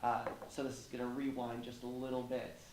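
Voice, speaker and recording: A man's voice: mid-range voice, monotone, brisk. Casual man narrating a game recap. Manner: narrates with fillers, jokey asides. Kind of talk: casual tabletop chat. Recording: echoey room with faint noise.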